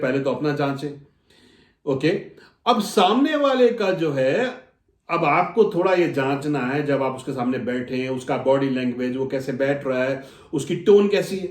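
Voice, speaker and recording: Animated male coach, echoey room. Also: a little high. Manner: animated, acts out customer dialogues; addresses listeners as friends. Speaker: soft skills coach. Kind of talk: motivational lesson.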